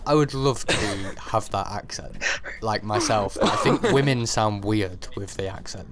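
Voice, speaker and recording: A man's voice: lowish voice, normal speed, a crowd in the background. A man co-hosting a casual chat, blunt and playful, swearing freely. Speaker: co-host.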